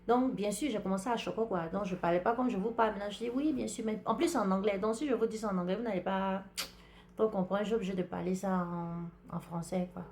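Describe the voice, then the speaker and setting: Over slight background noise, a mid-range female voice talks quickly. The speaker, an African woman with an African French accent, hosts a podcast and tells a personal story in a relaxed, chatty monologue, addressing listeners directly and retelling events with liveliness.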